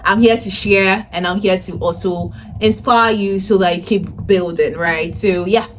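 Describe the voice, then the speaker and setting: The recording is low quality, with a little hiss or hum, as a woman in her twenties vlogs to camera indoors in a family-house room. This vlogger and data analytics teacher recaps personal updates at a measured pace in a medium-pitched, fairly even voice, chatting with viewers and often asking "right?".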